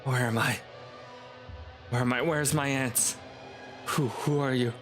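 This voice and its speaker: A man's voice: high voice, fairly even intonation, measured pace, gravelly, over music, pitched above the performer's own voice. A man voicing a terrified, wounded young person in a game who begs repeatedly to be let go. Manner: pleading, frightened, repetitive.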